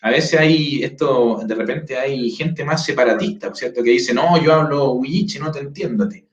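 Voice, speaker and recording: A man's voice: medium pitch, moderate pace. A man hosts a casual online interview, often adding tag questions and restarting his sentences. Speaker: host. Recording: echoey, dull lo-fi sound.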